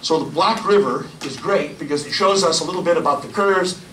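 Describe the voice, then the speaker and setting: Loud guy giving a science lecture, high-ish voice, boomy room, mic kinda far off. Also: brisk, roomy sound, slight background noise. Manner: loud, energetic, gestures and points at slides. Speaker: county hydrogeologist giving a public talk. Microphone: lapel mic, filmed from the room.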